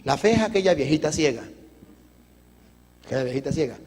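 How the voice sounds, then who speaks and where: A man's voice: a little high, fairly quick, a little hiss or hum. A man giving a parish catechesis talk, telling the story with acted-out voices. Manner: animated storytelling, acting out voices. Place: parish retreat hall. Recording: reverberant hall.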